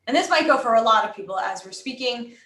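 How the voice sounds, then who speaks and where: A woman's voice: a little high, expressive, quick pace, a bit bright, reverberant. Chatty encouraging American woman coach. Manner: encouraging, chatty, many "you know" fillers. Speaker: voice and presentation coach. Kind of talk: live online coaching class.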